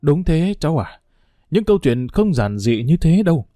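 A man's voice: fairly high pitch, sing-song, moderate pace, mellow, no echo, studio quality, pitched above the performer's own voice. A man voicing an older woman in a read-aloud story, solemnly recounting family history. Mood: sorrowful. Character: older woman, stern but caring family servant.

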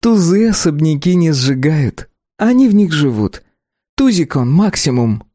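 A man's voice: a little high, sing-song, unhurried, dark tone, no echo, studio quality, voice pushed up. Man doing a cool sardonic young woman.

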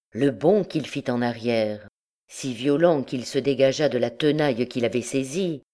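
A woman's voice: very deep voice, dark tone. Woman narrating a classic novel. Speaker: audiobook reader. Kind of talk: scripted audiobook narration.

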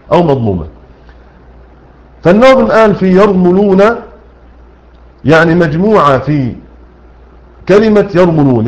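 A man with an Egyptian accent teaches recitation rules, asking questions and answering them himself. His voice sits somewhat high, and he slows to recite key phrases. The recording is dull and lo-fi. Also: a little mellow. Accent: Egyptian Arabic. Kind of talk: explaining a tajweed poem line by line.

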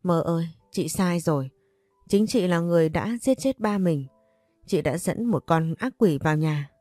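A woman's voice: lowish voice, animated, normal speed, dark tone, no echo, faint music behind. A woman voicing a betrayed young wife in an audio story, speaking in anguish. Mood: despairing. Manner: anguished, pleading.

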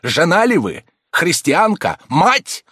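A man's voice: medium pitch, animated, normal speed, no room sound, clean studio sound, voice pushed up, natural voice. A man voicing an angry, accusing country priest in a dramatized audiobook reading. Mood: furious. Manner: thundering, accusing, preachy. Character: stern fiery male country priest.

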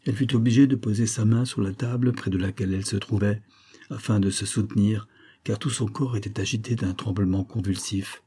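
A man reading a classic novel aloud in a measured, dramatic narration. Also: fairly low pitch, fairly even intonation, dark tone, slightly rough. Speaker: audiobook reader.

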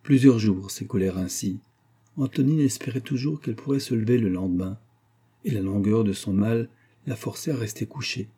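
A man reading a classic novel aloud in measured, expressive scripted narration. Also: on the low side, slightly rough. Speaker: audiobook reader.

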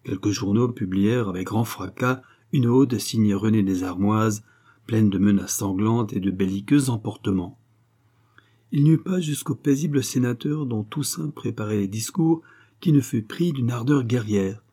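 A man reads a classic novel aloud as an audiobook narrator. His voice is husky and dark, and his delivery is measured and literary. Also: fairly low pitch. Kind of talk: scripted narration.

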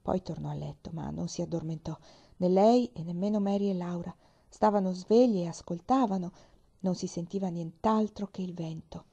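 A woman narrating a children's novel aloud, expressive and sometimes dropping to a whisper. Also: fairly low pitch, moderate pace, gravelly, breathy edge, dull audio. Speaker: reader. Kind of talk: audiobook narration.

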